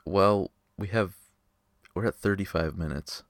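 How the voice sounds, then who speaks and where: Young guy hosting a podcast, super low voice, jokey and worked up, cusses a lot. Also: measured pace, no room sound, studio quality. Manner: excitable, joking, swears freely. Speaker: podcast host. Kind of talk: casual argumentative chat.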